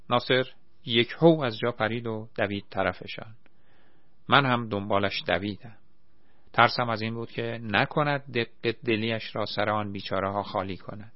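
A man reading a war memoir aloud in a measured, plain storytelling manner, in a dry, slightly muffled recording. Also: fairly low pitch, no echo.

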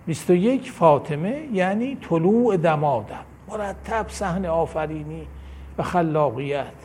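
A man's voice: on the high side, lively intonation, darkish tone, husky. A man giving a devotional lecture, reading a numbered list of points in a declamatory way that rises on each number. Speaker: religious lecturer.

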